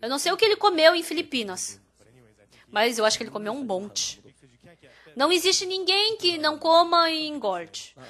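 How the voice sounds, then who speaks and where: Woman interpreting a preacher's sermon, high voice, storytelling and getting emphatic. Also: normal speed. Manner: storytelling, emphatic and animated when quoting. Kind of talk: interpreting a sermon in first person.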